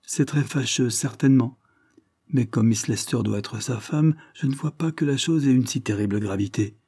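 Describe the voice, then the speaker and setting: A languid, stern noblewoman, voiced by a man in an audiobook. She speaks coolly and severely. The voice is dark and slightly husky. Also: mid-range voice, normal speed, no echo, studio quality. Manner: cool, severe. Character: languid, stern aristocratic lady.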